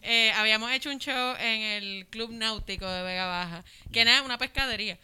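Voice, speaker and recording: A comedian with a Puerto Rican accent telling a lively story in casual chat. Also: female voice, a little high, brisk, smooth.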